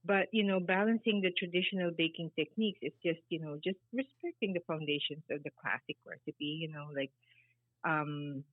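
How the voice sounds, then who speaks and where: A woman's voice: lowish voice, brisk, husky, no echo. Middle-aged woman as interview guest; meandering, filler-heavy answers over a tinny, dry line. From Philippines. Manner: rambling, many fillers, laughs easily. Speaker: guest, baker and business founder.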